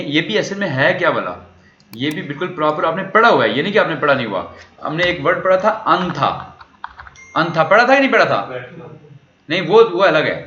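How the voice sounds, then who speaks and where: A man's voice: fairly high pitch, bright, forceful tone, slight background noise. A man teaching a language lesson, walking through a recorded dialogue and repeatedly asking questions that he answers himself. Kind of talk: lecture explaining a recorded dialogue. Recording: echoey room, dull lo-fi sound.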